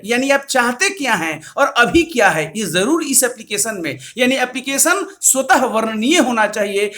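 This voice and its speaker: A man's voice: very high voice, pushed and bright. A man explains board procedures in an earnest, slide-based lecture, repeating key points and reading out addresses and numbers.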